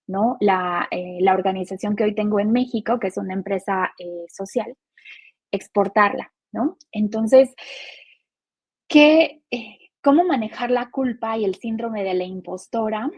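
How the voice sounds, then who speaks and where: A woman's voice: mid-range voice, a little slow, slightly rough, no echo. A Mexican woman in her forties with a Mexican Spanish accent, a podcast guest explaining her views earnestly and tagging her points with questions. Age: 40s. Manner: earnest, explanatory, uses many rhetorical "¿no?" tags. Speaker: guest, gender and care policy specialist. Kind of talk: podcast interview.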